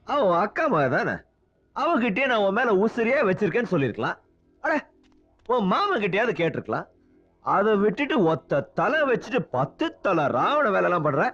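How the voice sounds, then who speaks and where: A man's voice: high-pitched, very animated, moderate pace, a bit bright, faint music behind, heavily acted. An actor playing a drunk young man who mocks his elders, then pleads with his father. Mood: bitter. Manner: slurring, mocking then pleading. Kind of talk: film drama acting. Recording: dull film soundtrack.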